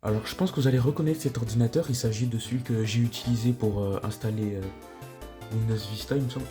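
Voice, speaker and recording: A man's voice: medium pitch, steady tone, fast, music in the background. A man casually narrating a tech vlog, laid-back, with lots of hesitations and mild swearing, on a cheap microphone. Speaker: tech YouTuber.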